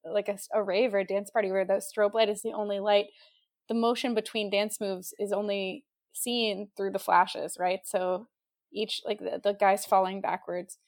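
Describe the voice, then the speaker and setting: A woman's voice: medium pitch, flat delivery, moderate pace, dry recording, studio quality. A woman hosting a casual podcast, asking questions eagerly and restarting her sentences often. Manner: enthusiastic, asks questions, restarts. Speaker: podcast host.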